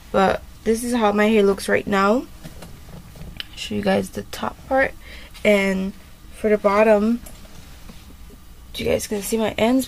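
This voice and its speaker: A woman's voice: medium pitch, vocal fry, slight background noise. A woman vlogger talking casually through a hair tutorial, rambling with lots of fillers. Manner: chatty and rambling, many fillers. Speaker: beauty vlogger.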